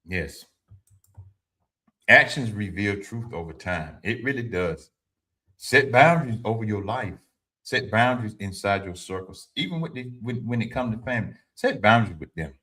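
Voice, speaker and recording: Man in his fifties, low and forceful, livestream host with a preachy advice style. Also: lively intonation, moderate pace. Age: 50s. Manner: informal and preachy, repeats his points; speaks to viewers directly, answers chat. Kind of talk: motivational talk to a live audience.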